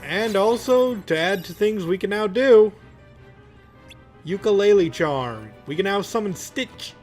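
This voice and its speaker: A man's voice: sits high, lively intonation, measured pace, a little mellow, soft background music. A young man giving casual, rambling let's play commentary in a jokey, mock-exasperated manner.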